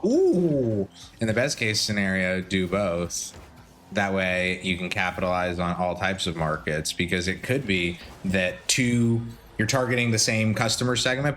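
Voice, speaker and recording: Deep bright-toned male streamer. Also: a little hiss or hum. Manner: quick interjections, joking asides. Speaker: streamer reacting to a video. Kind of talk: casual reaction commentary.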